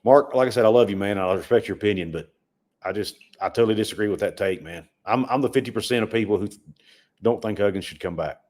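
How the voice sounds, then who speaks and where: A man's voice: on the low side, fast, a little mellow. A man co-hosting a sports livestream, talking casually and often repeating words as he makes a point. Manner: conversational, repeats words when emphatic. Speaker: sports podcast co-host.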